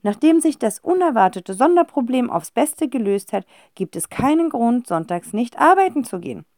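A woman narrating a children's audiobook with a lively, expressive reading. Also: on the high side, moderate pace, no room sound, clean studio sound.

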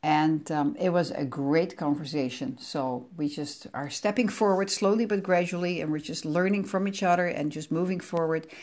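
A middle-aged Dutch woman with a Dutch accent hosts her own solo podcast, chatting casually and rambling while correcting herself as she goes. Her voice is low and slightly mellow, at normal speed with hardly any pauses. She's sore from aching ribs.

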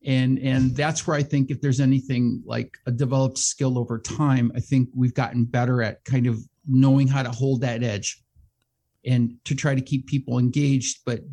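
A middle-aged man who hosts a radio show, talking as a guest in a casual interview, animated and self-deprecating, laughing often. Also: medium pitch. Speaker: radio show host and behavioral health manager, guest.

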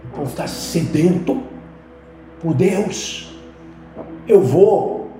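Speaking extremely slowly in a warm, animated, fairly high voice, a Brazilian musician from Minas Gerais shares a casual personal testimony as a podcast guest. His slangy talk rises into fervent emphasis, recorded in a very echoey studio with music behind him.

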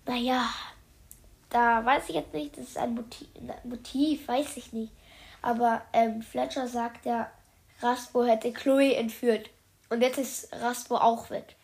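A woman's voice: a little high, steady tone, measured pace, creaky, a little mellow. Chatty woman reading aloud, roomy sound. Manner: chatty, addresses viewers as "Leute", youthful slang. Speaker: streamer reading a book aloud. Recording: roomy echo.

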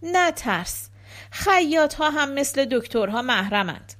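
Woman reading a chatty woman tailor, teasing, gossipy, kinda high. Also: sing-song, fairly bright tone.

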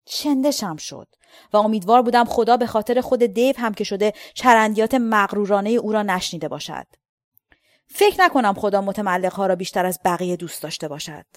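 A woman's voice: mid-range voice, dry recording. A woman reading a novel aloud in first person, with a dry, sardonic storytelling manner into a close mic. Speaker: audiobook reader.

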